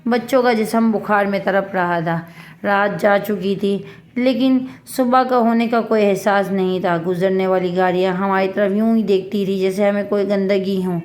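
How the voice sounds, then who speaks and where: A woman's voice: mid-range voice, fairly even intonation, darkish tone. Woman narrating a sorrowful story. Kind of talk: scripted first-person story narration.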